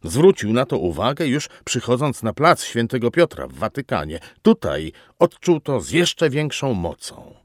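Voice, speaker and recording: A man reading a novel aloud as narrator, telling it in a slow, expressive way with dramatic pauses. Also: medium pitch, no echo, studio quality. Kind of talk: audiobook narration.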